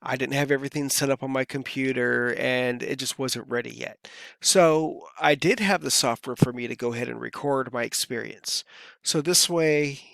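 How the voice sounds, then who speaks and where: A man's voice: mid-range voice, normal speed, creaky, fairly bright tone, no echo, studio quality. A man from California talking casually to camera as a vlogger, rambling and easygoing with lots of fillers, his voice a bit worn. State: voice feels worn. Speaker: crypto vlogger.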